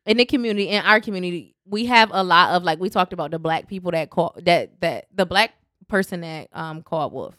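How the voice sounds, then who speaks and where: A woman's voice: fairly low pitch, a little fast, bright, forceful tone, no room sound, studio quality. A woman co-hosting a podcast in casual chat, blunt and profane, ranting with emphasis. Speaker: podcast co-host.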